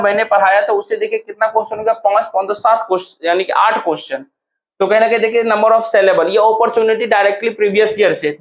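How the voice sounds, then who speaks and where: A man's voice: high voice, a bit bright. A male teacher with a Bihar Hindi accent walking students through exam answers in a casual, encouraging way. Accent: Hindi-speaking Bihar. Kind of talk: exam solution walkthrough.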